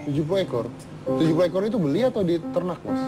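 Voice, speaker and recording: A man hosting a television talk show, firing quick questions at his guests and often reacting with "wow". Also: on the high side, lively intonation, over loud music. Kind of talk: studio interview. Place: television studio.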